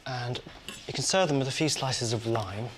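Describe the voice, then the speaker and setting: Male cooking host, mid-pitched, chatty kitchen demo, clear kitchen noise behind. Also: moderate pace. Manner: chatty, talks while cooking and tasting. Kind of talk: cooking demonstration.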